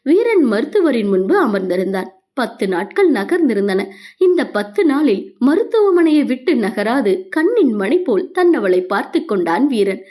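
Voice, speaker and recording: Expressive high-voiced woman narrating a novel. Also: moderate pace. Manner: expressive, emotional storytelling. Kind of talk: audiobook novel reading.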